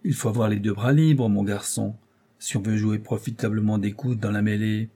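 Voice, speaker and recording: Scheming aging job broker, read by a man, coaxing, ironic, lecturing, soft husky voice. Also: on the low side, steady tone, moderate pace. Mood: paternal. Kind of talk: audiobook character voice.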